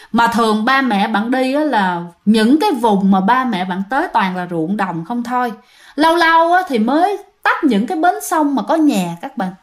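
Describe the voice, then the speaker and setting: Chatty woman telling ghost stories. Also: on the high side. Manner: chatty, often addresses listeners directly. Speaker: ghost story narrator. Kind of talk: casual storytelling to listeners.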